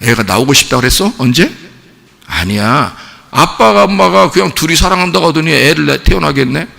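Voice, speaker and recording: Male pastor, sermon, high voice, gravelly, long hall reverb. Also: lively intonation, a little fast. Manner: shifts from quiet musing to shouted childlike pleading. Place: church sanctuary.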